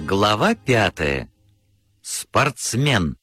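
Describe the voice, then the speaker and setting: A man's voice: on the low side, very animated, drawn-out words, loud music behind the voice. A man narrating a children's story from a script with lots of expression.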